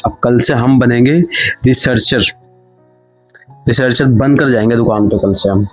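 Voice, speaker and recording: A man's voice: mid-range voice, measured pace, faint music behind, natural voice. A man voicing a naive but witty young village man who talks in a cheeky, playful rustic way.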